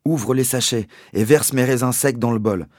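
A man's voice: mid-range voice, moderate pace, a little mellow, no room sound, pitched above the performer's own voice, close to an everyday voice. Man playing a fiery, protective father in a storybook, urgent and raised, dry close recording. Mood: warm. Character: caring father, protective and quick to anger.

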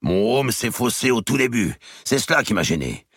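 Man voicing a hearty boastful knight in a storybook reading, raised gravelly voice. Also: medium pitch, very animated, moderate pace, a bit bright, no room sound, studio quality, voice pushed up, full character voice. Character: boastful tired medieval knight after a tournament.

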